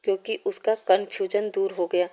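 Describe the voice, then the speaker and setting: A woman's voice: medium pitch, level tone, a little fast, warm tone, close to an everyday voice. A woman voicing a protective young man who is secretly a mafia boss, speaking firmly in a storybook reading. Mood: explaining.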